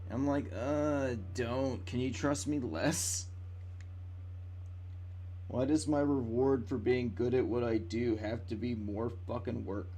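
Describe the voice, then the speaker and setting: A man's voice: medium pitch, fairly even intonation, slow pace, mellow, faint music behind. A man casually chatting with his live-stream viewers while building a model, swearing now and then. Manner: chatty and profane, talks to chat while working. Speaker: livestreamer building a model kit.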